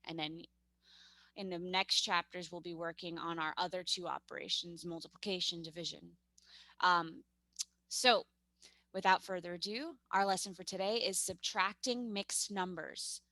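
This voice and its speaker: Young new york teacher lady on a video call, upbeat and chatty, super bright voice. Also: lowish voice, fairly even intonation, normal speed, no room sound. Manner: upbeat, chatty, self-correcting. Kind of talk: online math lesson.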